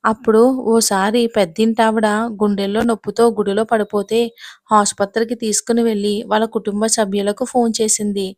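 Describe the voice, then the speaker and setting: A woman storyteller reading a romance serial as scripted narration, at an even pace. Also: medium pitch, fairly quick, no echo, studio quality.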